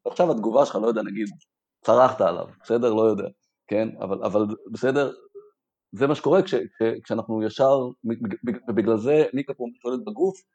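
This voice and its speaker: Husky, dark-voiced man explaining haltingly. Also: fairly low pitch, no echo. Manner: halting, many fillers and restarts. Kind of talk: reflective casual explanation. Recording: dry, dull-sounding mic.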